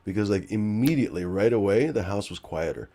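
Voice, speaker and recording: A man's voice: lowish voice, expressive, brisk, mellow. A man hosting a casual live-stream chat, rambling with lots of fillers and the odd swear. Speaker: host.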